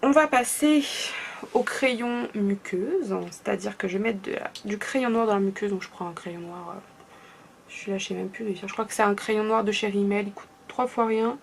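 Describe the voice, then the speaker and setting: A woman's voice: medium pitch, moderate pace, gravelly, a little hiss or hum. A young woman from France chatting casually through a makeup tutorial, often trailing off into murmurs. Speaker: beauty vlogger.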